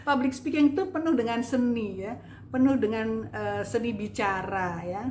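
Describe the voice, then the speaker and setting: A woman's voice: fairly high pitch, measured pace, darkish tone, slight background noise. A woman giving a casual video lesson on public speaking, chatty and demonstrative, with many fillers. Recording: echoey room with faint ambience.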